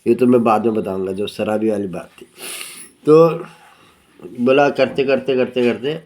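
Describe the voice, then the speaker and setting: A man's voice: mid-range voice, moderate pace, darkish tone. A man tells a homespun tale in a loose, rambling way, repeating himself and losing his thread before circling back. His voice sits mid-range, and it jumps up sharply whenever he slips into a character's line. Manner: rambling, repeats "bola" often, loses track and circles back. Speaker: storyteller. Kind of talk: casual spoken storytelling.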